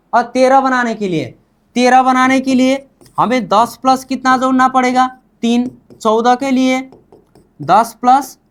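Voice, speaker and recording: Slow-talking woman teaching a language lesson. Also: fairly high pitch. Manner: repeats questions and drills answers back. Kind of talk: classroom-style lesson.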